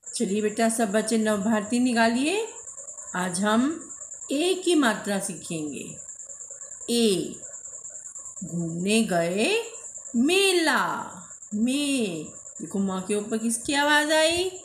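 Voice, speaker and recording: A woman's voice: a little high, very animated, slight background noise. A woman teacher reading a Hindi lesson aloud to young children syllable by syllable, calling herself ma'am. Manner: calls herself "ma'am", addresses pupils as beta, drawn-out vowels. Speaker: primary school Hindi teacher. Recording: echoey room.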